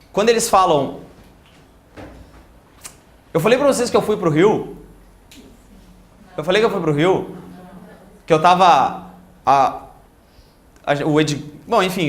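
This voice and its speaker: Brief: Gaúcho man, grammar teacher, high voice, animated and mimicking, echoey classroom sound. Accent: Gaúcho Portuguese. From Rio Grande do Sul, Brazil. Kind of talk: lively classroom lecture with anecdotes.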